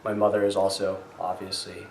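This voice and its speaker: A young man from Colorado answering interview questions slowly, listing things with pauses. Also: deep voice, completely flat delivery, darkish tone, a little hiss or hum. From Denver, Colorado. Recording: echoey room.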